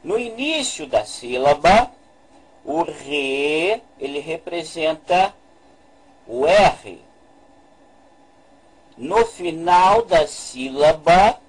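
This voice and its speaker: A man giving a slow, deliberate lesson, repeating his points and pausing over each one as he talks over a screen recording. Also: a little high, slightly rough, rough recording. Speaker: religious language teacher.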